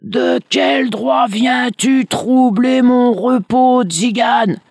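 Reader doing a fire-breathing dragon, male, proud, menacing, booming, mocking, raised voice, storybook, dry sound. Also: drawn-out words, vocal fry, darkish tone, no echo, heavily acted.

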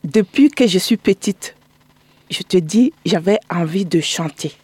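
Woman from burkina faso, middle-aged, mellow dark tone, dry studio sound, chatty storyteller. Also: lowish voice, expressive, unhurried, husky, no echo. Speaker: guest. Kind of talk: radio interview. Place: radio studio.

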